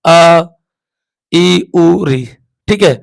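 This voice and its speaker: A male Hindi teacher leads a class with a high voice. He speaks slowly and drills each vowel aloud. He asks the room a question and answers it himself. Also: gravelly. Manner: repeats sounds aloud, asks and answers his own questions. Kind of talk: classroom lesson at a board.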